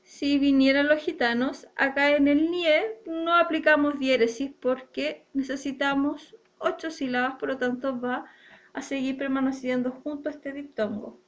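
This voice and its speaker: A woman's voice: sits high, steady tone, moderate pace, muffled recording. A woman teacher explaining a lesson step by step, often checking in with her students. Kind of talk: online class lesson on poetic meter.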